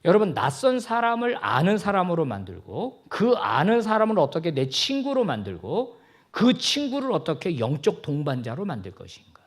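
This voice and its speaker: Male pastor, sermon delivery; higher voice with wide swings, playful, acts out dialogue. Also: normal speed. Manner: animated, jokey, acts out dialogue. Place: church sanctuary.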